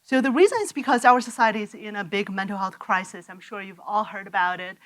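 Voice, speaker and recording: A woman giving a prepared conference pitch as a scientist, with emphatic, list-like phrasing. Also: quick pace, fairly bright tone. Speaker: behavioral scientist presenter.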